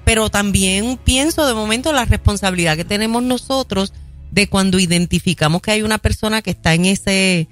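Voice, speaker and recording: Mid-pitched co-host who keeps affirming the others, faint music in the background. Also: a little fast, a bit bright. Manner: frequent affirming interjections.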